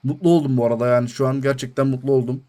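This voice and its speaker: A young man commentating his own football video game, shouting at goals and griping at the referee. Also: medium pitch, fairly even intonation, very fast. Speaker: gaming YouTuber.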